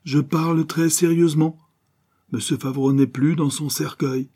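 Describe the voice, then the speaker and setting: A man's voice: mid-range voice, fairly quick, mellow, slightly rough, voice pushed up, close to an everyday voice. A man voicing a scheming adventuress who talks in an insistent, theatrical, accusing way. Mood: menacing. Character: scheming adventuress, sharp and menacing woman.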